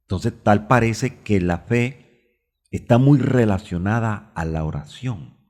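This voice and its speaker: A man's voice: fairly low pitch, slow, a little mellow. A man with a Colombian Spanish accent preaching a radio sermon, stopping to look up Bible verses aloud and drawing out key words. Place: radio studio.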